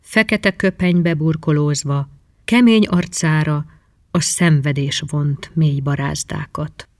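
A man's voice: fairly high pitch, steady tone, no echo, clean studio sound. Man reading a fairy-tale story. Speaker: narrator. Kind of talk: scripted storybook narration.

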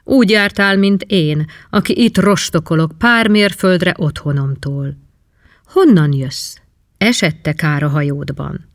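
A man voicing a hot-tempered old sea captain who shouts and blusters in a storybook reading. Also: on the high side, no echo, studio quality, natural voice. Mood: hearty.

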